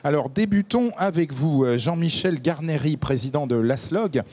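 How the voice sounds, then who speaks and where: A man moderates a studio panel debate with a somewhat high voice. He speaks in a formal broadcast register. He introduces each guest in turn with a full title. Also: expressive, moderate pace, darkish tone. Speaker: debate host. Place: TV studio set.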